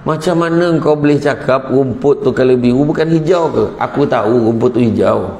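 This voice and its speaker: A preacher voicing an exasperated tiger. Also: male voice, mid-range voice, normal speed, gravelly, darkish tone, roomy sound, slight background noise, natural voice. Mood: aggrieved. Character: exasperated male tiger in a fable.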